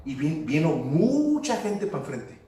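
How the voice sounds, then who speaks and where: A man's voice: a little high, sing-song, a little slow, mellow. A man preaching a sermon, telling stories and slipping into English phrases. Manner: storytelling, switching into English phrases. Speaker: pastor. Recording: echoey hall, voice from far off.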